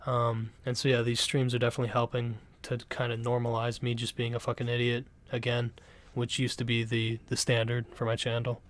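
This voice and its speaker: A young Canadian man streams casually from home in a mid-range voice, talking a little fast with a completely flat delivery. He rambles in a laid-back way, swearing a lot and constantly restarting his sentences.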